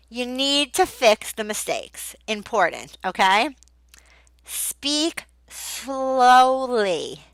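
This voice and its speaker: Bright-voiced woman giving teaching tips. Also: fairly high pitch, no echo, poor audio. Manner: emphatic, repeats key words, acts out slow teacher speech. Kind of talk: casual advice video.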